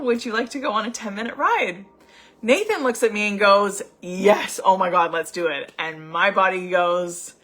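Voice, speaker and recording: A young woman with a slightly low voice tells a personal story. She talks like a friend chatting, animated and loose, full of "like" and quick asides. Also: slightly rough. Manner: chatty, animated, lots of "like" fillers. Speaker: anxiety coach. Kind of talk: casual storytelling vlog.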